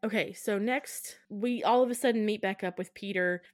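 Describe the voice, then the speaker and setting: A woman around thirty co-hosting a podcast, retelling a film in an animated, giggly way and acting out the quotes. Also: medium pitch, moderate pace, dry recording, clean studio sound. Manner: animated, giggly storyteller who acts out quotes. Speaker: podcast co-host. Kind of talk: casual chat.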